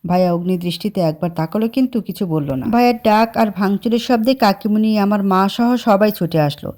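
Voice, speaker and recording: A woman narrating a first-person story with a steady, emotive reading. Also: mid-range voice, a little fast.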